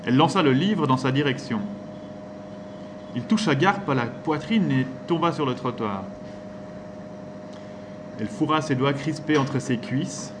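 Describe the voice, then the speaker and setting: A man narrating a novel in a steady, measured reading voice. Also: mid-range voice, noisy background. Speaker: audiobook narrator.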